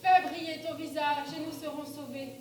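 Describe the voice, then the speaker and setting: A woman's voice: sits high, steady tone, moderate pace, a little mellow, natural voice. A woman on stage playing a solemn angel messenger, declaiming reverently like a prayer. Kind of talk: incantatory stage acting. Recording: distant echoey theatre, music behind.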